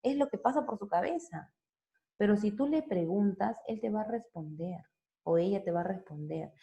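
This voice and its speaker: A psychologist addresses parents informally, her mid-range voice mellow, lively in intonation and touched with vocal fry, at normal speed. She explains step by step, using frequent tag questions to check in conversationally.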